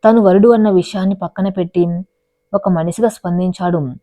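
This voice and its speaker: A woman's voice: fairly low pitch, steady tone, a little fast, warm tone, no room sound. Woman narrating a dramatic love story. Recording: dry, dull lo-fi voice recording.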